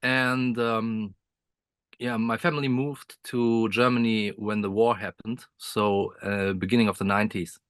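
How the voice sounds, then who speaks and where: Calling in from inside his motorhome, a man from Croatia chats as the guest composer in a relaxed video interview, laughing frequently and restarting sentences amid plenty of fillers. He speaks in a fairly low, level, unhurried voice that is smooth and a bit bright, with no room sound.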